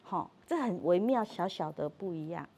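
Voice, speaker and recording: A middle-aged woman leads a parenting talk in a lively, animated way. She slips into quoted dialogue and laughs often. Her restarts and repeated words give the talk a warm, unscripted feel. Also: fairly low pitch, normal speed. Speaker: parenting workshop speaker.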